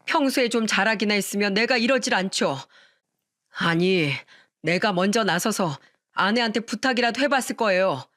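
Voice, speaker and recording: A woman's voice: mid-range voice, animated, normal speed, a bit bright, lightly acted. A woman voicing an earnest husband in a radio story, speaking firmly and pleadingly to his mother and his wife. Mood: firm, exasperated. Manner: firm and pleading, then tender.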